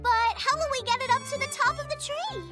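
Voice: extremely high pitch, a little fast, loud music behind the voice. An actor voicing a curious, sweet young female fox in a cartoon, chirpy and inquisitive. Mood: cheerful. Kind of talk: cartoon voice acting.

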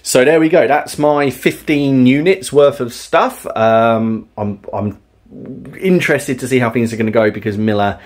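A man's voice: medium pitch, normal speed. A man in his thirties hosting a tabletop wargame battle report, chatting casually and explaining the rules at home. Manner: relaxed, chatty, explains rules with fillers and laughs. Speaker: tabletop wargame player and channel host.

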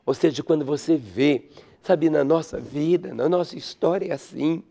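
A man preaching a radio sermon, swinging between loud fervent pleading and hushed, almost whispered lines. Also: on the high side, moderate pace, creaky. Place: radio studio.

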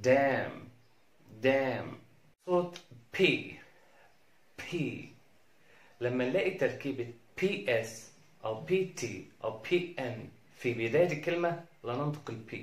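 A man with an Egyptian Arabic accent teaching English pronunciation, saying each example word three times, slowly and carefully. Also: medium pitch. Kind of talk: pronunciation lesson. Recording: echoey room.

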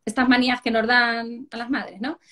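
A woman from Spain, a parenting educator on a live stream, who explains through animated stories and acts out the parents and children she quotes. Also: a little high, normal speed.

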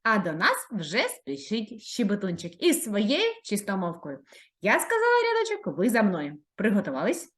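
A woman's voice: medium pitch, huge pitch swings. A woman primary school teacher giving a video reading lesson to young children, drawing words out and encouraging them. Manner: drawn-out, sing-song words for children.

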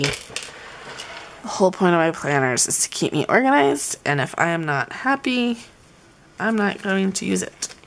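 A woman's voice: low-pitched, a little hiss or hum. A young woman gushing over her planner supplies in a casual vlog. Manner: chatty, gushing, says "y'all". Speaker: planner vlogger. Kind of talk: casual show-and-tell vlog.

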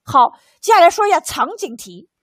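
A woman's voice: extremely high pitch, big pitch swings, fairly quick, dry recording, clean studio sound. A woman English exam tutor giving an explanatory lecture to a small class, repeating key phrases and posing rhetorical questions.

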